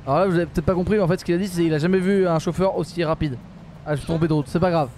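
A man's voice: on the high side, racing, a little hiss or hum. A man streaming live gameplay, exasperated and swearing, swinging from mutters to outbursts and laughing at himself. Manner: animated, jumps from mutters to outbursts. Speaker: streamer playing a bus simulator.

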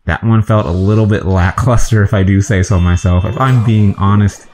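Hosting a let's play, a man chats and guesses aloud to himself while playing through a video game. His voice is fairly low and darkish at a moderate pace, with slight background noise and faint game music.

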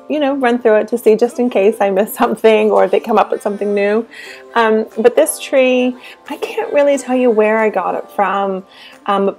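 Casual woman vlogger chatting over faint music, lots of ums, mid-pitched. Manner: chatty, with frequent um fillers and asides. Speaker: home cleaning and decor vlogger.

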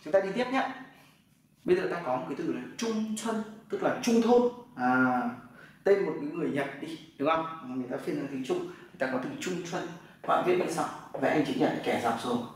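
Teacher in an echoey room. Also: male voice, fairly high pitch, animated, a little fast. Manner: explains step by step, often asks "right?" to check. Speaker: Chinese language teacher. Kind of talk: classroom lesson. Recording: echoey room from far off, faint noise.

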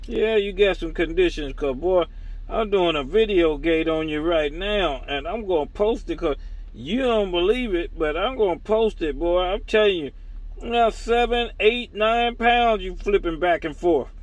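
A man's voice: high-pitched, a little slow, dry recording. A man making casual CB radio chat, with slangy, folksy, teasing banter. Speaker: CB radio operator.

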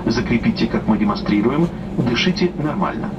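A man's voice: medium pitch, animated. Man reading a muffled flight safety demo. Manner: formal, measured reading. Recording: muffled distant cabin speaker, loud aircraft noise. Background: loud aircraft cabin noise.

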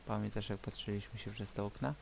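A man with a lowish, creaky voice in casual gaming chat. He swears freely, and the voice chat is clearly noisy and hissy. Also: steady tone, fast. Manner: crude, swearing. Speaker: video game player.

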